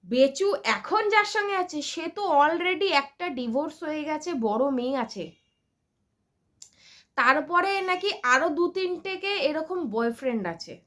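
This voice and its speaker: A woman with a high, light voice rants through a casual vlog commentary. She talks bluntly and scornfully, throwing crude insults and checking in with her viewers between points. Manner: chatty, many fillers and check-ins. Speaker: vlogger.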